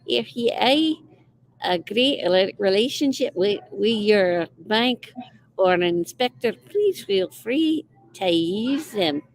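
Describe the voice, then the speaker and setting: A woman's voice: a little high, rough recording. A realtor woman reading a client letter aloud in a put-on Scottish accent, lilting and sing-song. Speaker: realtor guest.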